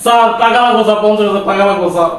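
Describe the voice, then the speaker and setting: A man's voice: high-pitched, steady tone, racing, natural voice. A man with a Bangladeshi Bengali accent playing a desperate young servant who begs his employer in tears. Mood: pleading. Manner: pleading, repeats 'sir' over and over. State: crying. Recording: echoey room, mic far off.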